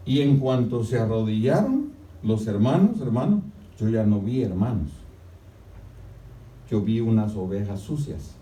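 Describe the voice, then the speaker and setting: Preaching man, roomy distant sound. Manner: preaching with frequent "hermano", swings to loud high-pitched shouting. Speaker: pastor. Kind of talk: sermon. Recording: echoey church sound from a distant mic.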